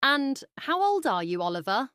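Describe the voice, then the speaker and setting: A woman with a British accent playing a friendly young office worker in a slow, carefully spoken practice dialogue. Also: sits high, very animated, a bit bright, smooth, no echo, studio quality.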